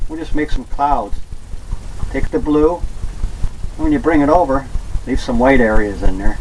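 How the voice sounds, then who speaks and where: A man giving a casual step-by-step painting lesson in a gentle, easygoing instructor's manner. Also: medium pitch, measured pace, slight background noise, low-quality recording.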